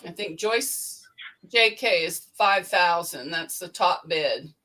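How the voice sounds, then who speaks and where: A woman hosting a casual sewing livestream, briskly reading out viewer names and bid amounts from the chat. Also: on the low side, animated, sharp tone. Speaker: livestream host. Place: indoor sewing room.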